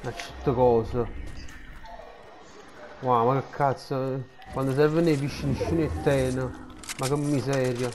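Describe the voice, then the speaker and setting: A man's voice: medium pitch, steady tone, measured pace, long pauses, over music. A man with a Neapolitan street accent chatting and cursing casually while gaming with friends. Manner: street-style dialect, exclaiming and cursing. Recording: clearly noisy game voice chat with clicks.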